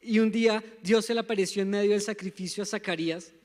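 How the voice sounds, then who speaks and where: A man's voice: sits high, steady tone, fast, darkish tone. A young man from Colombia with a Bogotá accent preaching a sermon, emphatic and calling on the congregation to repeat after him. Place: church sanctuary. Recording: long church hall reverb.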